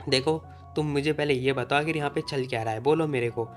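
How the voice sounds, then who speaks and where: A short-fused young man, as a recap narrator reads him. The reading stays close to the man's own mid-range voice, blunt and a little slower. Music hums faintly underneath. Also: mid-range voice, natural voice. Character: hot-tempered young man, protective friend.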